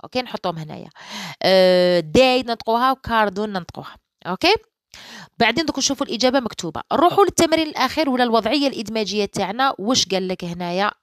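A woman English teacher with an Algerian Arabic accent, going through an exam solution in dialect and slowly reading the English sentences, and often asking "okay?". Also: fairly high pitch, lively intonation, dry recording. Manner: slow, careful reading of English sentences, then explaining in dialect; keeps checking with "okay?".

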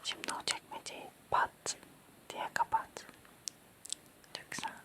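Whispered role-play, quiet bedtime hush, unhurried pace, gentle, reassuring, repetitive, ASMR host. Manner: hushed, quiet night-time bedtime whisper, slow and repetitive. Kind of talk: whispered ASMR role-play, soothing personal attention to the listener.

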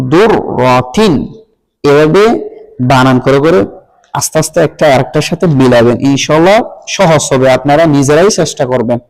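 Man, Quran reading teacher, very slow spelling drill, long hall echo. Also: fairly high pitch, darkish tone. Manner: patient, repetitive, spells syllables then blends them.

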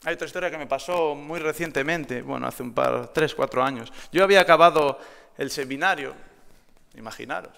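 Gravelly young Galician preacher in a reverberant hall. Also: male voice, fairly high pitch, fairly quick, a bit bright. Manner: tells personal anecdotes, then presses with rhetorical questions. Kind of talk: sermon. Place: church hall.

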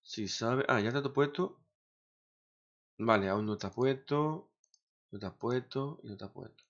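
Grumbling streamer, lo-fi sound. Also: male voice, medium pitch, moderate pace. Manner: grumbling, swears often, talks to himself. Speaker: gaming streamer. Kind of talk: casual streaming chatter. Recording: dull lo-fi sound.

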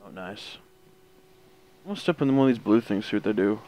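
A man's voice: on the low side, animated, brisk, dark tone, a little hiss or hum. A man playing a video game with a friend, exasperated and protesting with laughs. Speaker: gamer co-op player. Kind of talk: casual gaming chat.

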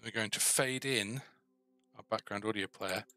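In a dry recording, a middle-aged man who presents a coding series as a game developer muses and poses himself questions during a casual tutorial. His fairly low voice sounds pushed and bright, at normal speed.

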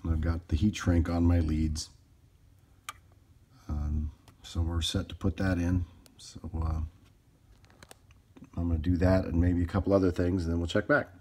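A hobbyist repairer at an indoor workbench talks through his work in a casual, unscripted tutorial. His low, a little mellow voice has little pitch movement and a normal speed, broken by long pauses.

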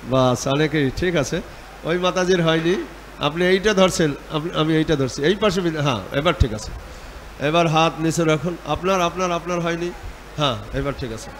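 A man's voice: fairly high pitch, normal speed, slight background noise. A man teaching and leading a group in devotional chanting, giving hand instructions and urging them to chant with an open mind. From Bengal. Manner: exhorting, calls out and leads group chanting. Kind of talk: guided devotional chanting lesson.

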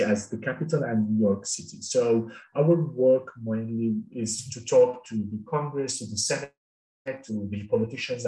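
A man's voice: mid-range voice, a little mellow. A middle-aged man from Syria, a cluster coordinator, giving a webinar talk over a video call with many restarts and fillers. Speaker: panel speaker, cluster coordinator. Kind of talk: webinar presentation. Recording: roomy, distant video call audio.

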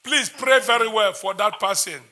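A man's voice: high-pitched, moderate pace, bright, forceful tone. A man, preaching as a prophet in a church service, intense and repetitive as he declares prayers.

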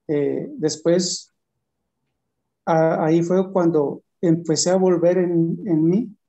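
A man giving a personal testimony in conversation, telling his story in a halting way with frequent restarts. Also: on the high side, mellow.

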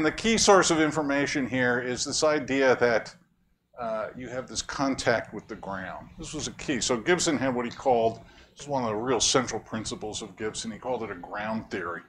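A man with a medium-pitched, expressive, somewhat bright voice lectures at a normal speed, with a little hiss or hum in the recording. In the lecture room he explains ideas in a conversational way, quizzes his audience, and makes wry jokes.

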